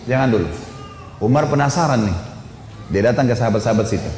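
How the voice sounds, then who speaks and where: A man preaching a sermon, telling a story in an animated, colloquial way with rising emphasis. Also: mid-range voice, fast. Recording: echoey hall, faint noise.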